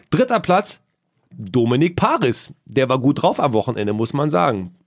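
A man chatting casually as a co-host, full of jokes and mock-serious asides. His pitch swings freely up and down. The sound is close and dry, with no room around it. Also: a little slow, creaky, no room sound. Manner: joking, teasing, lively. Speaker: podcast co-host. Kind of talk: casual sports chat.

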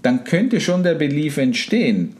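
A man's voice: on the high side, measured pace. Male host, conversational explainer, acts out thoughts. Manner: animated, acts out inner voices and quotes.

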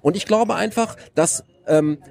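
A man speaking in an animated casual conversation, explaining his views with many restarts and rhetorical questions. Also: sits high, unhurried, gravelly. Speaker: interviewee.

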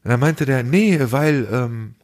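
With an expressive, unhurried, slightly mellow mid-range voice, a young man co-hosts a podcast. His chat is casual and full of slang, and he tells stories animatedly, acting out the dialogue.

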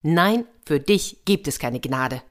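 A woman's voice: deep voice, animated, slow pace. A woman voicing a proud, stern young princess sorceress in a told fairy tale, speaking in a commanding tone. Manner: commanding, imperious.

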